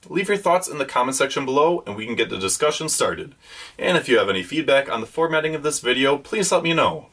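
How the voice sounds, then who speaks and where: A man's voice: medium pitch, fairly bright tone, breathy edge. A man hosting a weekly manga review, reading a scripted rundown with enthusiastic fan commentary.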